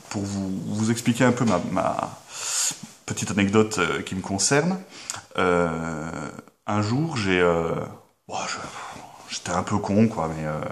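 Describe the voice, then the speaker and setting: A young Belgian man with a Belgian French accent, telling a deadpan comic story to the camera in a halting way, full of filler sounds. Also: low-pitched. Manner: hesitant, full of filler sounds, with sudden mock-outraged yelps. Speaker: comedy vlogger.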